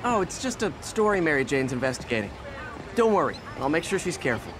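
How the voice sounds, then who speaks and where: A man's voice: a little high, very animated, fast talker. A man playing an earnest, kind young American superhero in a video game, with a hesitant, boyish, self-effacing way of talking. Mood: earnest, downcast. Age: young adult. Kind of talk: cinematic video game acting. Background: background music.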